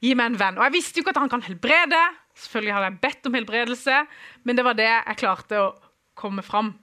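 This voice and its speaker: A young man giving a humorous personal testimony to an audience, acting out dialogue and chuckling often. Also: extremely high pitch. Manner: animated, acts out quoted dialogue, chuckles often.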